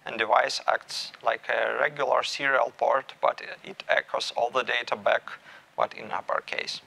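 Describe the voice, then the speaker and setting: A man in his thirties giving a technical talk at a meetup, measured and thinking aloud with small restarts. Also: mid-range voice, creaky, sharp tone, low-quality recording. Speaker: meetup speaker. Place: small room with stage curtains.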